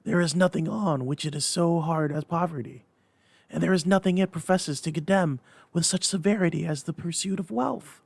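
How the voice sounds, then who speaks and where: A male reader as a greedy, defensive man in the prime of life. His storybook speech is insistent and rises in pitch, recorded close and dry. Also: moderate pace, gravelly, a little mellow, no echo. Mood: defensive, bitter. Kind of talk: dramatic storybook reading.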